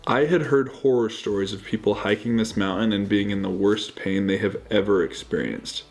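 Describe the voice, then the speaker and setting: A man's voice: on the low side, normal speed, vocal fry. Casual man narrating a travel vlog, music behind. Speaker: travel vlogger.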